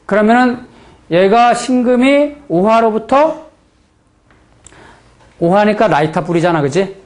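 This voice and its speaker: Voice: medium pitch, animated, unhurried. A fortune-telling teacher with a Chungcheong Korean accent gives a lecture to a class. The delivery is blunt and folksy, and the speaker keeps stopping to ask the students whether they follow. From Chungcheong region, Korea. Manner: blunt and folksy, with frequent rhetorical check-in questions.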